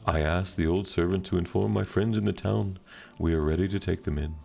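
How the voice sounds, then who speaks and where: A man voicing a weary, earnest male refugee leader in a measured tone. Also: deep voice, fairly even intonation, creaky, darkish tone, slightly rough, heavily acted.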